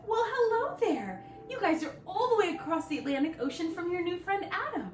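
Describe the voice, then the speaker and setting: A woman's voice: high voice, recorded from a distance. A woman doing a sing-song fairy-tale princess. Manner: sing-song, gushing, with delighted little gasps. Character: sweet cheerful young princess woman. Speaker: costumed princess performer hosting a live story-time. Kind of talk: live-stream greeting of children. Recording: echoey room, away from the mic, faint music.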